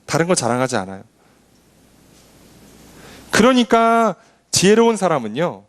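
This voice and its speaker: A man preaching a Sunday sermon as pastor, acting out boastful people with scoffing clicks. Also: high voice.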